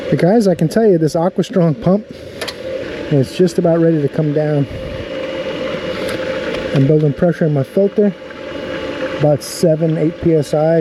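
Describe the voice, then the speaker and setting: A man's voice: fairly high pitch, background noise. A man casually talking through a pool pump review outdoors by a backyard pool, in an easygoing, chatty way.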